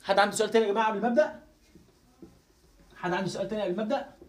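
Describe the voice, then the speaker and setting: A man's voice: sits high, racing. A man with an Egyptian accent teaching a live online English phonics lesson, repeating sounds and phrases again and again as he drills pronunciation. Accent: Egyptian Arabic. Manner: repetitive, drills pronunciation over and over.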